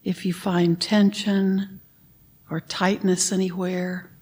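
A woman leading a guided meditation, giving gentle instructions and sometimes dropping to a whisper on the breath cues. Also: lowish voice, little pitch movement, slow, breathy edge.

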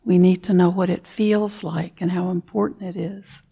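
A woman guiding a meditation in a soft, unhurried voice, leaving long pauses and sometimes easing into a whisper. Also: lowish voice, level tone, vocal fry, husky. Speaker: meditation teacher. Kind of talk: guided meditation.

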